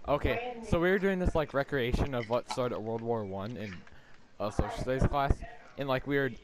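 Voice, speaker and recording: A man's voice: mid-range voice, expressive, normal speed, crowd noise. A man hosting a casual gaming chat with friends, rambling and joking, with many fillers and restarts. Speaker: channel host playing with friends. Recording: noisy recording.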